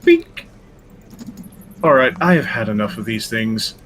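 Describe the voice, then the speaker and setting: A man's voice: on the low side, brisk, fairly bright tone, slight background noise. A man playing a tabletop role-playing game, wry and swearing freely as his rolls go wrong. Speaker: player. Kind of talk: casual tabletop game chat.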